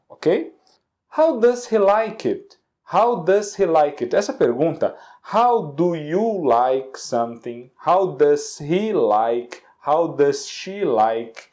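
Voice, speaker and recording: A man with a Brazilian Portuguese accent teaching English in a video lesson, saying English examples slowly and explaining quickly in Portuguese, often checking in with "ok?". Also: a little high, mellow. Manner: checks in with frequent "ok?".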